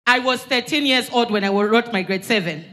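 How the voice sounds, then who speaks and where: A woman's voice: a little high, brisk, a bit bright. A young woman from Zambia giving an earnest, emphatic church testimony into a handheld mic in a large hall. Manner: earnest, emphatic, retelling dialogue.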